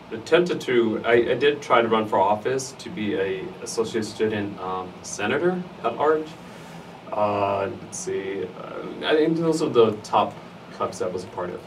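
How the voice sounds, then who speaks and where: A middle-aged man with an East L.A. accent answers in a conversational interview. His voice is on the low side and he stresses points by repeating phrases. He is recorded a little far from the mic, with faint noise. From United States, East Los Angeles area. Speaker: interviewee, fraternity alum. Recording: noisy, distant mic, room ambience.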